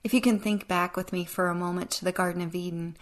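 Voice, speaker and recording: A woman's voice: lowish voice, fairly even intonation, quick pace. A woman hosting a devotional podcast, teaching in an earnest, reflective way with a touch of dry sarcasm. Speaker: podcast host.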